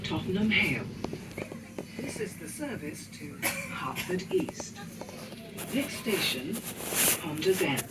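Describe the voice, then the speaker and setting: An onboard train announcer giving a recorded loudspeaker announcement, listing stations in a slow, measured way, heard from a distance inside a carriage. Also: mid-range voice, sing-song, heavy background noise.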